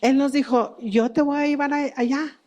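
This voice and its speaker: A middle-aged woman with a high voice teaches the Bible in a relaxed, conversational way. She keeps putting questions to her listeners and laughs lightly at her own family stories. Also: normal speed.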